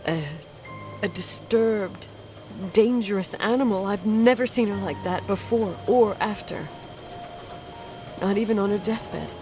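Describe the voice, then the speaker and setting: Clearly noisy ambience and music sit behind an actress voicing a grown woman in a dramatic video game, distraught and haunted by a memory she has repressed. Her mid-range voice stays hushed, halting, and anguished, and the acting is light.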